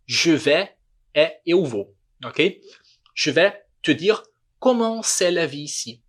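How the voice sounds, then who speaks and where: A Brazilian language teacher with a Brazilian Portuguese accent gives an online French lesson, patiently repeating words and checking in with his students. His voice is mid-range with a fairly bright tone.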